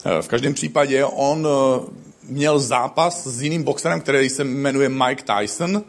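A man preaching a sermon, telling stories with acted-out quotes. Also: mid-range voice. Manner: animated storytelling with acted quotes.

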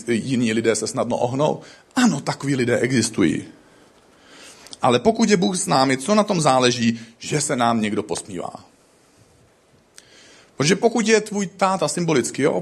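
A man's voice: medium pitch, breathy edge. A man preaching a sermon, telling stories with acted-out quotes. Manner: animated storytelling with acted quotes.

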